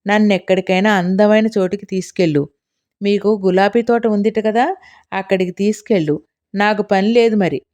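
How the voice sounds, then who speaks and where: A woman's voice: mid-range voice, fairly even intonation, moderate pace, darkish tone, natural voice. A teasing young woman, read by a woman narrator. She talks in a playful, mischievous way. This is a storybook reading in an ordinary woman's voice. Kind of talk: audiobook character reading.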